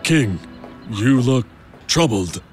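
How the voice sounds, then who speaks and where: An actor playing a dutiful, formal and deferential royal guard in a Bible drama. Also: male voice, medium pitch, lively intonation, slow, soft background music. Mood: dutiful, concerned. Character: loyal, dutiful male royal servant and guard.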